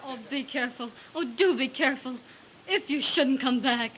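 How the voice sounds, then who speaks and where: A woman's voice: high-pitched, moderate pace, a bit bright. A frightened young woman in an early talkie. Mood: anxious. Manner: breathless, pleading, theatrical early-film delivery. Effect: early talkie film soundtrack. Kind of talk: 1930s film acting. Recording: muffled early talkie soundtrack with hiss.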